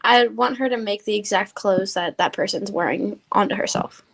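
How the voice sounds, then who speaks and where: A woman's voice: medium pitch, moderate pace, creaky, fairly bright tone, rough recording. A woman playing a tabletop game, describing things in a thoughtful way. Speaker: player.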